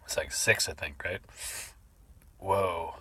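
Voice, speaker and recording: Deep-voiced man vlogging, sneezing between remarks. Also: fairly bright tone, dry recording. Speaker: video creator. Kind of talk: casual rambling vlog talk.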